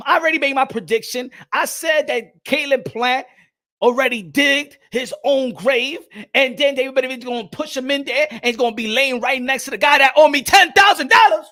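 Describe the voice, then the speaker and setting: A man hosting a casual boxing livestream, animated, swinging between loud outbursts and low mumbling, dropping Spanish phrases into his talk. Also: fairly quick. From United States. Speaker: boxing commentator.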